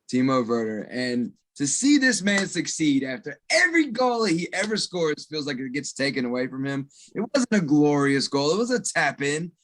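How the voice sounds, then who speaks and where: A man's voice: a little high, fairly bright tone. An American man, a guest on a podcast, telling stories in a rambling, casual way. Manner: rambling, many restarts and likes.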